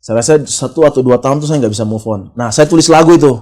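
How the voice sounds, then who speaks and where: A man's voice: medium pitch, fast talker, a little mellow. A man from Papua in his thirties, a guest singer telling his story in a casual interview and acting out the dialogue he quotes.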